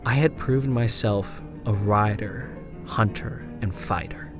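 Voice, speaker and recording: A man voices a woman frontier gunslinger recounting her haunted, lost memories in first-person horror narration, hushed and deliberate, drawing out phrases and swelling into emphasis. His pitch is on the low side and the acting is light, with a wistful, measured mood. Music plays beneath the narration.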